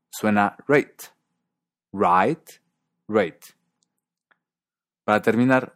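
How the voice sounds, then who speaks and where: A man hosting a podcast, explaining pronunciation and acting out sounds with deliberately exaggerated examples. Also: lowish voice, no room sound, clean studio sound. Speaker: podcast host. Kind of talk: explanatory language lesson.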